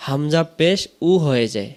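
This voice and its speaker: A man with a Bangladeshi Bengali accent teaching correct Quran pronunciation, who explains quickly and then recites the verses slowly and drawn out. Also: on the high side, expressive.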